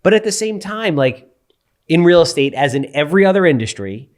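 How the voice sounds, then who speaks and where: A man's voice: fairly high pitch, big pitch swings, a little fast. A man who hosts a podcast and invests in real estate. He talks casually and animatedly, swearing now and then and acting out what others said.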